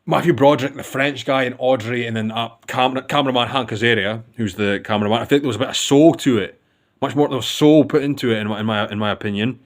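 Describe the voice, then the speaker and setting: A man's voice: mid-range voice, quick pace. A man giving a casual, rambling film review with enthusiasm, often restarting his sentences.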